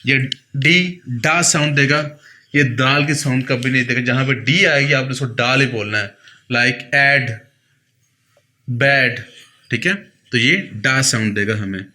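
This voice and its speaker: Bright-voiced man teaching sounds. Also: medium pitch. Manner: patient, repeats each sound slowly for the learner. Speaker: pronunciation teacher. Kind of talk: explaining a lesson.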